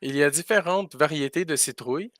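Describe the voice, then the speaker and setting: A man's voice: fairly high pitch, a little fast, fairly bright tone, dry recording, clean studio sound. A man doing live spoken interpretation for a school farm tour, hesitating often with fillers and restarts.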